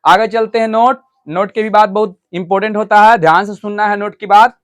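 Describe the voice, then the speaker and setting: High-voiced man teaching a grammar class. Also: steady tone, fairly quick. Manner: explains step by step, often asks students if they understood; switches between loud stressed points and quiet asides to the class. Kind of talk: classroom English grammar lesson. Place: classroom with students.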